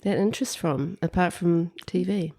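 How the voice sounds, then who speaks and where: A New woman in her fifties hosting a podcast interview, talking in a chatty way with a croaky voice. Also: lowish voice, normal speed, mellow. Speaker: podcast host. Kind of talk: casual interview chat.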